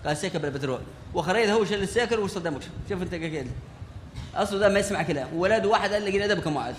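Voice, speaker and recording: A man plays a pious neighbor on stage, smoothing over a family quarrel and piling on blessings. He talks very fast in a slightly raised pitch. Faint noise and room echo surround him. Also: expressive. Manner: heaps on religious blessings. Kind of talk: stage comedy acting. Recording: echoey hall, faint noise.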